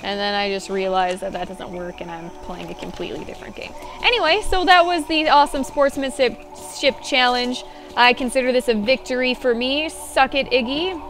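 A woman giving casual, playful commentary on her own gameplay, swearing often and slipping into a sing-song voice. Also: high voice. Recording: loud game noise behind.

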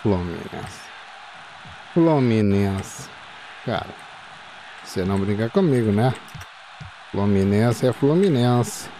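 A man, playing a football video game and reacting excitedly, shouting and repeating words. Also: lowish voice, unhurried, long pauses, a little hiss or hum. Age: 50s.

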